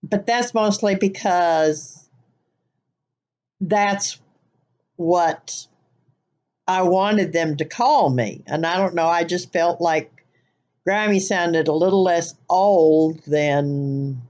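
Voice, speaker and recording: An older Midwestern woman speaks very slowly, with long pauses, in a fairly low, slightly mellow voice. She's a vlogger chatting casually and a bit ramblingly to her webcam from her living room couch in an accent tag video, her accent mixing Southern US with a Wisconsin nasal twang.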